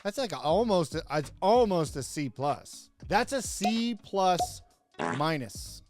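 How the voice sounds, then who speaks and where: A man's voice: high-pitched, sing-song, slow pace, darkish tone, faint music behind. A man hosting a comedic review of an old wrestling show, sarcastic, with laughing asides and mock outrage. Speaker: host, wrestling commentator.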